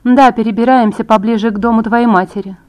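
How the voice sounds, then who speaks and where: A practical young woman who speaks in a brisk, matter-of-fact way, voiced by a woman reading an audiobook. The voice stays close to the reader's own. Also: on the high side, fairly even intonation, lightly acted.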